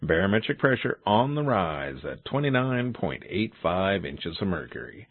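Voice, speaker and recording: Man, radio announcer, gravelly voice, dry sound, thin broadcast audio taped off the radio, brisk readout. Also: low-pitched, sing-song, no room sound, narrow, tinny audio. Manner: brisk, matter-of-fact readout. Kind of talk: reading weather conditions.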